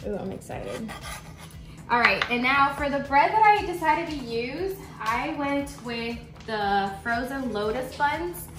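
Excited woman hosting a cooking vlog. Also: sits high, measured pace. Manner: excited, chatty, lots of mm sounds. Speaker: cooking channel host. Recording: roomy room with background music.

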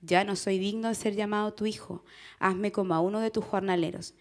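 Chilean woman preaching with a gravelly edge. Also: mid-range voice, fairly even intonation, brisk. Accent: Chilean Spanish. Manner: conversational, asks the congregation questions, laughs often. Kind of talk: sermon. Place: church.

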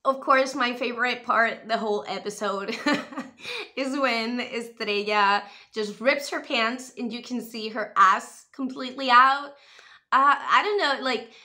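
A young woman from Spain who grew up in the US reviews a TV show in a casual, chatty vlog, speaking to a camera or webcam close in front of her in a small room at home. She is animated and expressive, gesturing as she talks, with a fairly high voice at a slightly slow pace.

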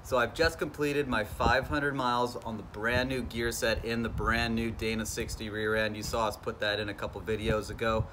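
A man's voice: lowish voice, flat delivery, normal speed, few pauses, a bit bright, a little hiss or hum. A man in his thirties hosting a casual garage vlog, talking through car work in a laid-back, enthusiastic way, filmed on a phone at arm's length. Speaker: car channel host. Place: home garage under a car, indoors. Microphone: phone camera at arm's length.

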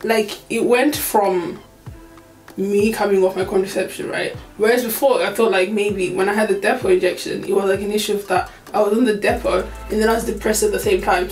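Young woman, casual vlog chat, candid and laughing, echoey small room. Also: mid-range voice. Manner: candid, laughs often, many "like" fillers. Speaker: vlogger. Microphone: camera on tripod.

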